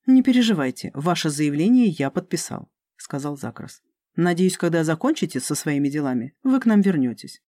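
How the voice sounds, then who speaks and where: The audiobook narrator voicing a calm, courteous male rector of a magic academy. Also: medium pitch, normal speed, no echo, studio quality, close to an everyday voice. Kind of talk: audiobook character reading.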